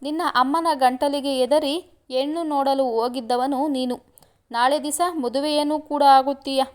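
A woman's voice: high voice, fairly even intonation, normal speed, close to an everyday voice. A woman reading aloud, voicing a tearful, jealous young village woman who pleads and accuses between sobs.

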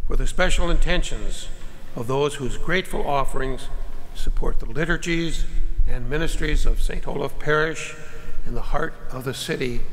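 An older man acting as a lector, reading the prayers of the faithful at a lectern in a steady, repeated liturgical pattern. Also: medium pitch, moderate pace, a little hiss or hum. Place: large church, at a lectern. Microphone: podium microphone. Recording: reverberant church with faint ambience.

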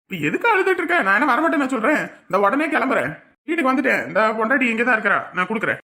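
Woman playing a bright, punchy village man, firm and fast, quick temper. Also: fairly high pitch, very animated, full character voice. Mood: reassuring. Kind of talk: village drama acting.

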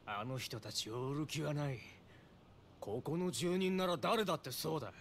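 An actor playing a defiant, agitated young neighborhood resident in a video game, speaking in a rough, emotional way. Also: male voice, a little high, normal speed, fairly bright tone, a little hiss or hum. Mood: defensive. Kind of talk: video game drama acting.

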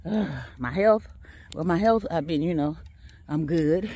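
Talking straight to her viewers as she walks outdoors on a track, this woman vlogger keeps things casual, laughs a lot, and sounds a bit tired. She speaks at a slow pace in a fairly low-pitched, warm voice.

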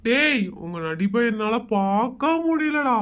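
A man with a fairly high voice. He mutters sarcastic, grumbling asides and mocks everyone around him in a comedy sketch. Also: lively intonation, a little slow, a bit bright.

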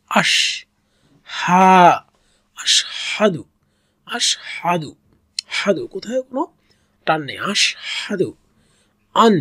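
Slow, patient syllable-by-syllable reading teacher. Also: medium pitch, breathy edge, dry recording. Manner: sounds out syllables one by one, drawing out vowels; patient, repeats each syllable several times. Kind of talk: step-by-step reading lesson.

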